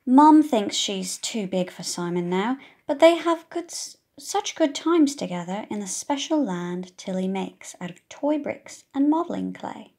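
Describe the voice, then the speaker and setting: Reading to children in an unhurried way with few pauses, this audiobook narrator has a mid-range, slightly mellow voice and lively intonation. She brings the story to life and, like a teacher, pauses to ask her young audience questions.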